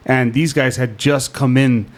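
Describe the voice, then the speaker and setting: A man's voice: medium pitch, fairly even intonation, unhurried. A man hosting an interview, asking questions in a friendly, conversational way and often showing appreciation. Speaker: host. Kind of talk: casual interview chat.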